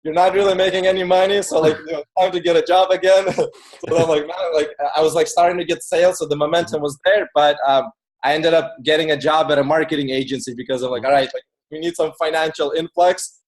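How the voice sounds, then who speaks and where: This interview guest speaks quickly in a fairly high, steady voice. He was born in Ukraine and moved to the US when he was eight, and he tells his stories casually and informally, peppering them with "like" and other fillers.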